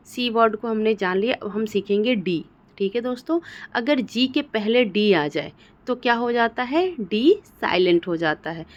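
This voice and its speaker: A woman's voice: fairly high pitch, muffled recording. A woman from India, patiently explaining English spelling rules as a teacher and often checking that her students follow. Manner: patient, repeats "theek hai" to check understanding.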